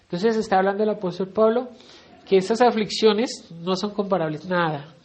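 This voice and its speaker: A man's voice: high-pitched, moderate pace, a little mellow. A middle-aged man with a Colombian accent teaching a Bible study sermon in a conversational way, often asking his listeners questions. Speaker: preacher.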